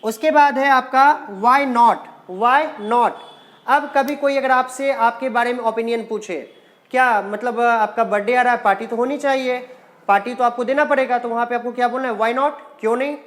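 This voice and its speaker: A woman with an Indian accent teaching spoken English phrases, repeating each one slowly and explaining when to use it, calling her learners children. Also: a little high, steady tone. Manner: drills short phrases, repeating them slowly; addresses learners as children and guys.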